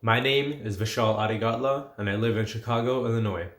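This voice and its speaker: Twenties male, grad student, plain matter-of-fact intro, low voice, echoey room. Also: brisk, fairly bright tone. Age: 20s. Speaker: graduate student. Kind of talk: personal introduction.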